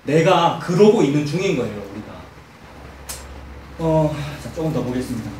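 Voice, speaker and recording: Emphatic Korean pastor in an echoey church. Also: male voice, fairly high pitch, moderate pace, background noise. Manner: emphatic, animated storytelling with rhetorical questions to the congregation. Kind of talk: expository sermon. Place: church sanctuary. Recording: echoey church hall, mic at a distance.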